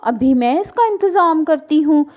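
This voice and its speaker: A woman voicing a greedy, harsh mother-in-law sparrow in an animated storybook cartoon. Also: high-pitched, moderate pace, lo-fi sound, voice pushed up. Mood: sweet-talking. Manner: harsh, sharp-tongued, whiny when faking tears.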